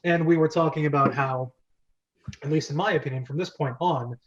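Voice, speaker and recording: On a dull, lo-fi video call, a man hosts a laid-back group chat for his script-reading club, with background noise in the mix. His voice is a little high and his pace a little fast. He comes across as chatty and enthusiastic, often wandering off topic.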